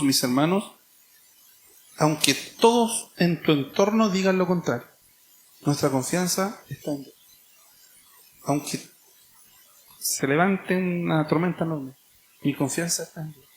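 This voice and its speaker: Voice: mid-range voice, animated, normal speed, a little mellow. A preacher with a Chilean accent giving an emphatic sermon, repeating key phrases and asking rhetorical questions. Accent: Chilean Spanish.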